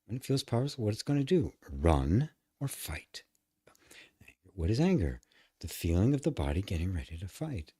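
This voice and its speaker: Husky, animated male tapping teacher. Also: on the low side, moderate pace, dry recording, clean studio sound. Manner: animated, frank and profane, acts out inner voices. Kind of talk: live-stream teaching.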